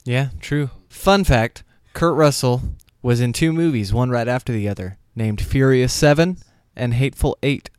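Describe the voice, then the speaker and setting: A man's voice: medium pitch, moderate pace, few pauses, darkish tone, clear, resonant tone, no echo. A middle-aged man co-hosting a podcast, chatting casually with dry, wry humor. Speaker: podcast co-host. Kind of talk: casual chat.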